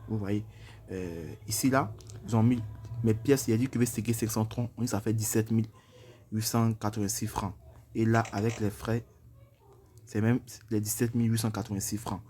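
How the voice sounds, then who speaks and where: A man with a somewhat low voice talks through a screen tutorial in a casual, unscripted way. He hesitates often, restarts phrases and leans on the same filler word again and again. A faint background hiss sits under the voice. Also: steady tone, normal speed, warm tone. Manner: hesitant, repeats himself, frequent "voilà" fillers. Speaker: crypto tutorial presenter.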